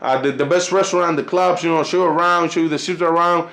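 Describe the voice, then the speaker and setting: Speaking quickly with a steady, fairly bright tone, a Colombian man in his 20s gives casual vlog commentary for his YouTube channel. His voice is on the higher side, his accent is Colombian Spanish, and he's a native Spanish speaker. He rambles and leans heavily on fillers like "you know" and "fellas."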